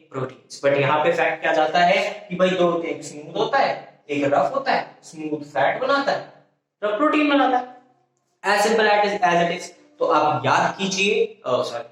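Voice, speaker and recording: A man's voice: a little high, a bit bright, recorded from a distance. Man teaching in a very echoey room. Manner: repetitive call-and-response questioning, frequent self-corrections. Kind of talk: classroom biology lecture in Hindi-English mix.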